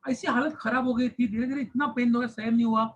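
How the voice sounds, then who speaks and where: A man in his thirties, a science teacher, tells a lively personal story to his class, acting out groans of pain and mixing English phrases into Hindi. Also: extremely high pitch, fast talker, dull audio. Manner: animated, acts out cries of pain, mixes English into Hindi.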